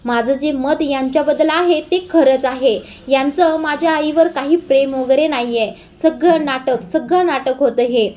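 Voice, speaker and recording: A woman's voice: high voice, moderate pace, hardly any pauses, a little mellow, a little hiss or hum, close to an everyday voice. A woman reading the lines of a furious young man who accuses his elders. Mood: angry.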